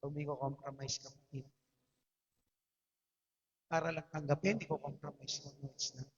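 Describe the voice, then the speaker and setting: A man's voice: on the high side, level tone, moderate pace, husky. A Filipino man preaching a sermon, his voice strained, with emphatic repetitions and rhetorical questions. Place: church hall. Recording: dull livestream audio in a reverberant hall.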